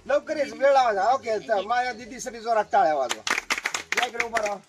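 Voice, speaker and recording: A man performing a lively magic show for a crowd, joking with and coaxing the audience. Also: very high-pitched, brisk, heavy background noise. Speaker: stage magician.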